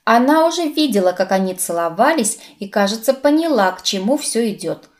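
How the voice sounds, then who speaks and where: A woman narrating an audiobook in a lively, expressive reading. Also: on the high side, brisk.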